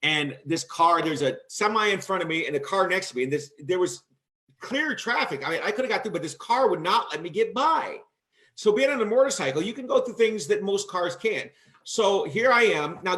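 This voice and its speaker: A man hosting a casual chat show, telling stories in an animated way and acting out quotes loudly. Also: a little high. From Michigan, USA. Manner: animated, acts out quotes in a loud voice. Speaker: host.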